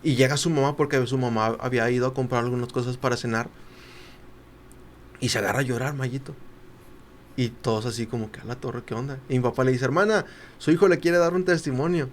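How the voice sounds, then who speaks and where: A young man tells a personal story on a podcast, at a middle pitch. He acts out the voices of the people he quotes and falls quiet at the tender parts. Faint background noise runs beneath the talk. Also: steady tone, fairly quick. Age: young adult. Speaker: podcast guest. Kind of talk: casual storytelling.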